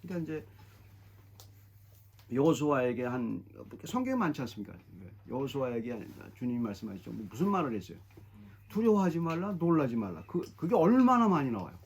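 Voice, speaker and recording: A middle-aged man preaching a sermon as pastor, emphatic and animated, often repeating his phrases. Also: medium pitch, a little fast, slightly rough. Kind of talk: expository sermon.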